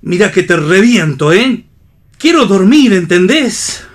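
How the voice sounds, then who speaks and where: A man's voice: high-pitched, big pitch swings, unhurried, full character voice. A man voicing a grumpy, sleepy father and a cheeky, mocking teenage son in a radio theatre reading. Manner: gruff and mocking.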